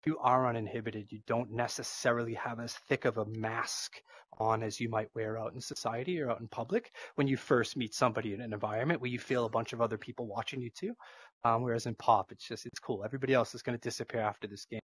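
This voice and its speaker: A man's voice: medium pitch, quick pace, breathy edge, no echo. A man with a Boston accent, chatting as a guest in a casual interview, rambling with lots of fillers. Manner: rambling, filler-heavy, animated.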